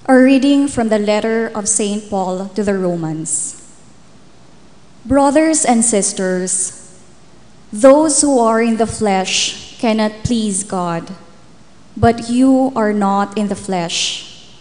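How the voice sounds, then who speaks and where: A woman's voice: mid-range voice, slow pace, darkish tone. A woman in her thirties reading scripture solemnly as lector at a lectern microphone in a chapel. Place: chapel, indoors. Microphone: gooseneck lectern microphone. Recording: long chapel reverb.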